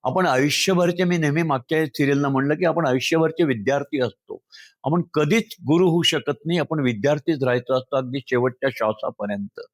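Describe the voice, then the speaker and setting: A man's voice: on the high side, brisk, no room sound. A man from Maharashtra speaking earnestly and with feeling to his followers as friends, sharing thoughts and reciting a poem. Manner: earnest, emotional, speaks directly to listeners as friends. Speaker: speaker addressing social media followers. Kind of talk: heartfelt talk with poem recitation.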